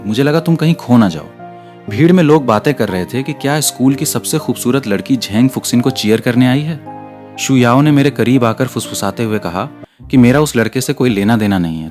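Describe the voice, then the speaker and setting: A man's voice: medium pitch, darkish tone. A man narrating a romantic comic recap in the first person, telling the story steadily and reading the quoted lines with only a light touch.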